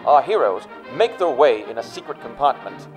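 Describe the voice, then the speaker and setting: Guy doing a dramatic scripted recap, lively pitch, faint brassy music under it. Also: moderate pace, low-quality recording. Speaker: narrator of episode recap. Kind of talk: scripted narration.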